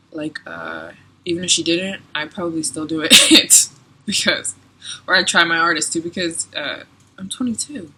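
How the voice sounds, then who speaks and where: A woman's voice: on the low side, pushed and bright, breathy edge. A woman in her twenties answering viewer questions in a chatty, giggly travel vlog, with lots of "like" and "um". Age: 20s. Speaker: travel vlogger. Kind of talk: casual Q&A vlog.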